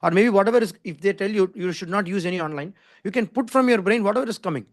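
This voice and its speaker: A man's voice: high-pitched, fast, no room sound, studio quality. A man with an Indian English accent teaching a live online design class informally, in an insistent, repetitive way, often checking that listeners follow. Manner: didactic, insistent, repeats himself, often checks with "okay?". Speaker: design skills instructor. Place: online video call with screen share.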